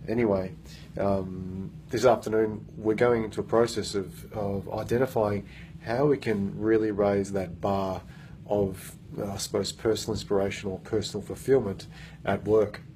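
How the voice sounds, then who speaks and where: This thirtysomething coach speaks at a normal speed in a lowish, mellow voice with fairly even intonation, and a little hiss or hum is audible. He's filming a casual vlog on a phone at arm's length in an office meeting room, earnest but full of fillers and restarts.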